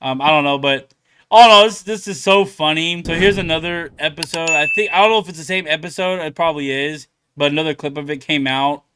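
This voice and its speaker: Young male commentator, loose and filler-heavy, bright and smooth, slightly high. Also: quick pace. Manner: rambling, filler-heavy, laughs often. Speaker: reaction channel host. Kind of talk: casual commentary.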